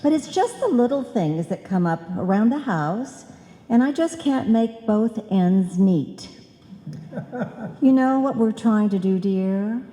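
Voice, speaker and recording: Performing on stage in a reverberant hall, an actress voices a talkative, confused but sincere housewife full of money-making ideas who keeps mangling her words. She sounds pleading, with a mellow, expressive, medium-pitched voice at a slow pace.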